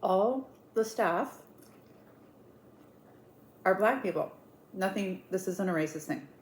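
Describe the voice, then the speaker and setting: With a mid-range, expressive voice, a woman takes her time recounting a story for an eat-with-me video. Chatty and dramatic, she acts out who said what and repeats words for emphasis. The audio carries a roomy echo and clear background noise.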